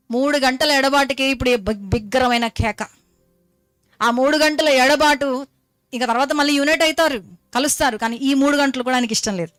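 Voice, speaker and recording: Woman preacher, high voice, fervent exhorting sermon, dry close sound. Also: a bit bright, no echo. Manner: fervent, exhorting, asks many rhetorical questions; mixes English phrases into the talk. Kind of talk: Good Friday sermon.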